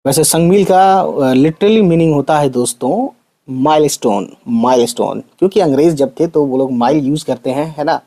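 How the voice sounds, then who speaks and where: A man from India teaches an Urdu literature lesson in a mellow, relaxed voice. He takes each difficult word apart with plainer synonyms and English equivalents. He keeps checking in with the class through quick tag questions. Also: on the high side. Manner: explains each hard word with simple synonyms and English terms, often adds tag questions.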